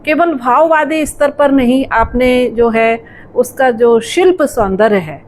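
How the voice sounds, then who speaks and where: A woman moderating a book discussion with a high voice. She responds thoughtfully and at length. A faint hum runs underneath. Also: a little slow, rough recording. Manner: appreciative, thoughtful, speaks at length.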